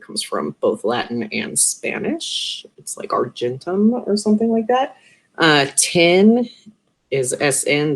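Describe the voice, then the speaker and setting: A high school chemistry teacher giving a recorded video lesson in a casual, offhand way, dropping joking asides.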